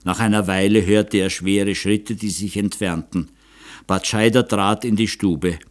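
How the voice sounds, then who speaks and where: A man reading an audiobook in a measured, dramatic way. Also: fairly low pitch, steady tone. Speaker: audiobook narrator. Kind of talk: scripted narration.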